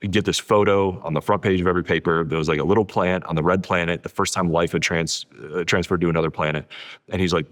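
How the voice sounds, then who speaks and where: A man with a deep, slightly bright voice speaks as a guest in a long-form interview. He talks conversationally, explaining things and repeating words for emphasis.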